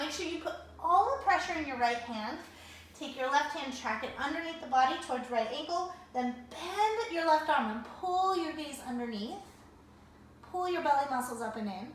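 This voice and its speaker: Woman yoga teacher, high and bright, calm encouraging cues, echoey room, mic set far back. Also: a little hiss or hum. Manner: calm, encouraging breath counting. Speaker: yoga instructor. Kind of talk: guided yoga class cues. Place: home room, traffic outside.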